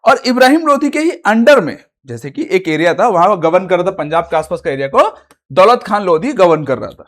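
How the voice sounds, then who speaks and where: A man's voice: high voice, sing-song, brisk, fairly bright tone. A young man teaching a history lesson for exam prep, chatty, asking and answering his own questions and repeating "theek hai" often.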